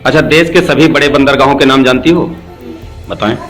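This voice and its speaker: A man's voice: medium pitch, fairly even intonation, fairly quick, fairly bright tone, faint music behind. A man acting as an interviewer, putting short quiz questions to a child.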